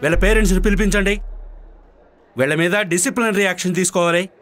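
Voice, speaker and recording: A man's voice: high-pitched, fast talker, a bit bright. An actor playing a stern college principal who scolds his students. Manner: stern, commanding. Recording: music score behind.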